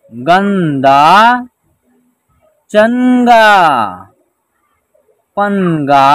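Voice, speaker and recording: A man teaching children to read, calling out words one at a time slowly and deliberately, then explaining the spelling. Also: high voice, no echo. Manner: slow, deliberate word-by-word reading. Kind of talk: reading lesson, word drills.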